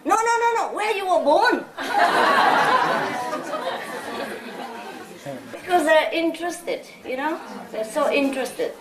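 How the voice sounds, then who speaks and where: A high-voiced Vietnamese woman, a spiritual teacher, gives an informal talk, chatting and telling stories with frequent "you know?" asides. She's very animated but slow-paced and pauses often, heard from a distance in a large, echoing hall over a noisy, murmuring crowd.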